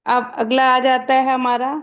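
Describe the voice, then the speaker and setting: A woman with a fairly high voice teaching a pronunciation lesson at a slow, careful pace. She poses questions and answers them herself, drawing out each sample sound. The recording is somewhat dull and muffled. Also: monotone. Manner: explains slowly, asks and answers her own questions, drawn-out sample sounds. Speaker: Quran recitation teacher. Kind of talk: step-by-step lesson.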